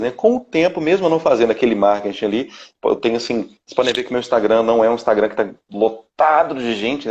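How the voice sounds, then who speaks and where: Speaking Brazilian Portuguese over a video call, a vocal coach in his thirties gives a casual live interview with a medium-pitched, slightly mellow voice. He rambles, restarts often, and leans on "né?" tags, while the stream's sound is dull and lo-fi.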